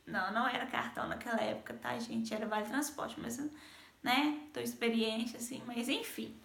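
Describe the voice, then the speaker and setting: A woman's voice: a little high, a bit bright, roomy sound. A woman with a Brazilian Portuguese accent sharing a devotional message and personal stories in a chatty way, talking straight to her viewers. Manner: chatty, keeps addressing viewers directly. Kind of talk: devotional vlog with personal storytelling.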